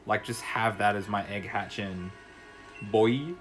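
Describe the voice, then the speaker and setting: His voice is fairly low and measured. A young gaming YouTuber from Australia, he casually rambles and laughs easily while playing and narrating a video game, as faint music plays behind him.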